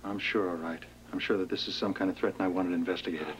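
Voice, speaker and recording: A man playing a firm deep-voiced protective man. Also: fairly even intonation, slight background noise, close to an everyday voice. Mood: concerned. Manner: firm, protective, quick to take charge. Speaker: worried father in a soap opera. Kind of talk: 1980s daytime soap acting. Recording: voice from some distance.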